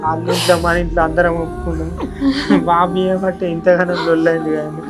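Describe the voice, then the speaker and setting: A man playing a young married son who calmly refuses help and comforts his crying mother. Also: fairly high pitch, quick pace, close to an everyday voice. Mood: firm reassurance. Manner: firm, reassuring, refusing help. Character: young married son, proud, gently consoling. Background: music.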